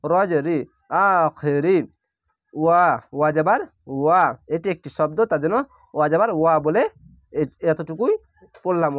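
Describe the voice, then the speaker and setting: Man spelling out Quran syllables slowly. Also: on the high side, no echo, clean studio sound. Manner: spells out each syllable, then blends it into the word; draws out recited words very slowly. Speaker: Quran reading teacher. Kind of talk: slow letter-by-letter recitation lesson.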